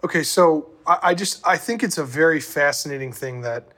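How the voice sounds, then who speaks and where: A man's voice: a little high, brisk, bright, forceful tone. Chatty male host from the Midwest. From American Midwest. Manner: chatty, tangents, stammering restarts. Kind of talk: conversational interview.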